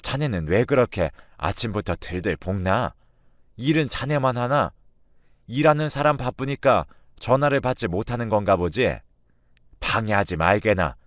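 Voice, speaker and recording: A man's voice: fairly low pitch, moderate pace, dry recording, clean studio sound, close to an everyday voice. A man doing a scornful older mother-in-law. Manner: condescending, lecturing.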